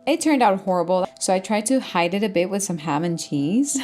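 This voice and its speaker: This young adult vlogger narrates her days in an animated, medium-pitched voice at normal speed, a little mellow, with faint music behind her. The chat is casual and self-deprecating.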